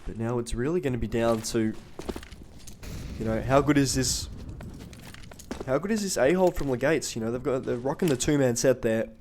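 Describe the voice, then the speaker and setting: A man calls an esports shooter match play by play, his voice sitting in an ordinary middle register. He mixes quick jokes and banter into the calls. Faint gunshots and clicks from the game run under his voice. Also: mid-range voice, a little mellow, a little hiss or hum. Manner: jokey, banters with a co-caster off mic. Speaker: esports caster.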